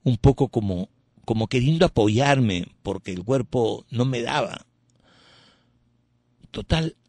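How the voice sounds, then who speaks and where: A man recounts a personal testimony in an earnest, emotional way, his sentences often restarting and ending in little tag questions. His voice sits at an ordinary middle pitch. The recording is dry and close. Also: lively intonation, slow, gravelly, darkish tone, no echo. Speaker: speaker giving a testimony.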